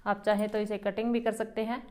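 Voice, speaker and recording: A woman who runs a boutique, calmly explaining step by step how to cut a garment as she works. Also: mid-range voice, a little fast. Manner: calm, explains each step while working. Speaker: boutique owner teaching tailoring. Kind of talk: step-by-step sewing tutorial.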